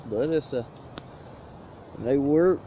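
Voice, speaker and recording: A man with a warm, mid-range voice talks slowly in a laid-back, folksy rural drawl, coughing now and then. An outdoors vlogger in the woods, he casually shows off his everyday gear in a show-and-tell video. A cell phone propped on a stick records him, giving dull lo-fi audio with faint hiss.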